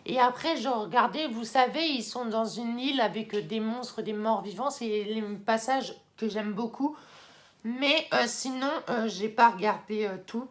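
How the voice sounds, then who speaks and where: A young woman in casual vlog talk, chatty with many fillers and excited bursts, now and then moving off the mic. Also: fairly high pitch, a little slow. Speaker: YouTuber ranking anime. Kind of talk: casual vlog tier list.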